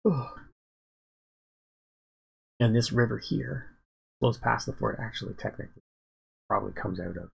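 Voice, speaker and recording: A man with a deeply gravelly, fry-heavy voice that sounds very husky and breathy. He rambles and halts, with many fillers and restarts, as he thinks aloud about his campaign. He sounds sleepy, like a dungeon master planning on a relaxed stream. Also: low-quality recording. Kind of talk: casual livestream, thinking aloud.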